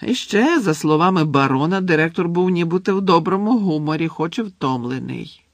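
A man's voice: a little high, animated, normal speed, dry recording, pitched above the performer's own voice. A man voicing a chatty, cheerful male ghost eager to share gossip, in a storybook reading.

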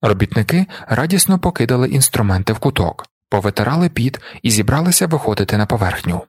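A man narrating an audiobook in a steady, measured way. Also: medium pitch, slightly rough, no echo, clean studio sound.

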